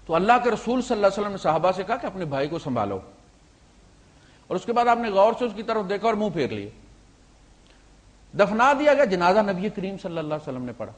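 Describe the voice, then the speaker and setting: A man preaching a storytelling sermon, swinging between loud emphasis and quiet asides, with English words mixed into his talk. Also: high voice, sing-song, long pauses. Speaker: Islamic preacher.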